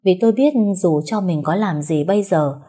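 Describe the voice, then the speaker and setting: A young woman tells a first-person story in slow, sorrowful narration. Her voice sits low and carries a husky, breathy texture. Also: warm tone.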